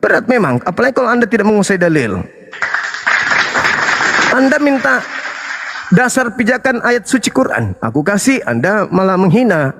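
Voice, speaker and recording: A man with an Indonesian accent delivers a heated debate monologue, high in pitch for a man. He is combative and challenging, firing one rhetorical question after another. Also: very animated, normal speed, long pauses, very noisy. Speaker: religious debate host and apologist.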